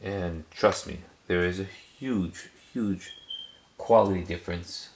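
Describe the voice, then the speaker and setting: There's a little hiss or hum behind this low-voiced man as he slowly and casually shows off his cassette collection on video. He rambles hesitantly and repeats words for emphasis.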